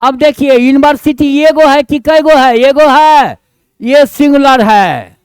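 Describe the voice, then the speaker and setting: A grammar teacher with a Bihari Hindi accent speaks unhurriedly in a very high voice, with no room sound. During the classroom lesson he uses homely, colloquial scolding and coaxing, and he holds students' attention with questions and checks.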